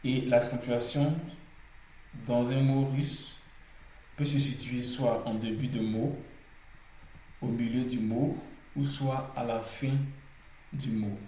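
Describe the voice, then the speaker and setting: A male teacher walks through pronunciation rules at an unhurried pace, pausing often on hesitations and repeating each example word to drill it. His voice is mellow and soft-edged. The recording carries a noticeable room echo. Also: mid-range voice, steady tone, slight background noise. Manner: slow and deliberate, many hesitations, repeats words to drill them. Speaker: language teacher.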